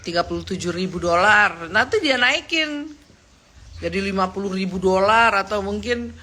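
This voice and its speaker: A woman's voice: normal speed, bright, forceful tone. A woman chatting on a live stream, gossiping in a mocking tone and laughing often. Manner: mocking, laughs often, mimics others in a squeaky voice.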